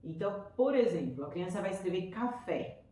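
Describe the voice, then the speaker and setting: Brazilian Portuguese woman teacher, enthusiastic and chatty, mid-pitched, recorded far off in an echoey room. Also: animated, moderate pace, dark tone, slight background noise. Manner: enthusiastic, chatty, acts out children's voices. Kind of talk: explaining to parents.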